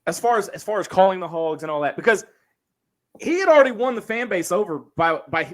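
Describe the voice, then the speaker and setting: A man's voice: sits high, expressive, quick pace. A man hosting a casual sports talk show, speaking in an opinionated, emphatic way. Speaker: sports podcast host.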